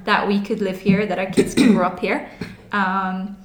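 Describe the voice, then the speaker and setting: Interview guest: woman, thirties, Kerry accent from the west of Ireland, mid-pitched, reflective and candid, echoey recording. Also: little pitch movement, normal speed. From County Kerry, Ireland.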